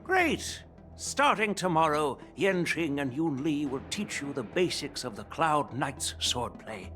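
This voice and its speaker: A man's voice: a little high, sing-song, measured pace, a bit bright, faint music behind. A man voicing a jovial, wily old general and swordmaster in a video game, speaking in an avuncular, theatrical way. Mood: delighted. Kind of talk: game cutscene voice acting.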